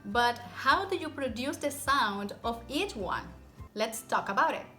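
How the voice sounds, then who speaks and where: Bright-voiced woman teacher demonstrating rolled r's. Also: a little high, animated, faint music behind. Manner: demonstrates rolled and tapped r sounds; encouraging, step-by-step, repeats example words slowly. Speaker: Spanish pronunciation teacher. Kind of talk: instructional language lesson to camera.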